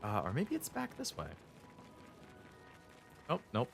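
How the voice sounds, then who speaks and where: Male streamer, lively varied intonation, medium pitch, laid-back, amused, casual gameplay chat, music behind. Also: slow pace, gravelly. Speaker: video game streamer. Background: game music.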